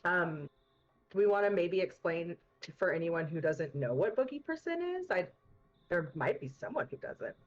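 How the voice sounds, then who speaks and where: Race commentary comes from a very animated woman with a fairly low pitch and moderate pace, keeping things casual, upbeat, and chatty with lots of fillers. The muffled built-in webcam mic gives her a tunnel-like sound.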